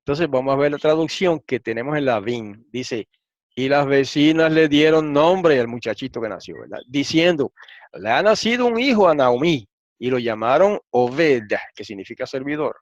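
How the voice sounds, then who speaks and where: A man teaching a lesson, reading transliterated Hebrew and Greek slowly and asking frequent rhetorical questions. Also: medium pitch, expressive, no echo. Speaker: Bible teacher. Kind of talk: lecture explaining Hebrew and Greek texts. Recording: dull, slightly lo-fi and dry.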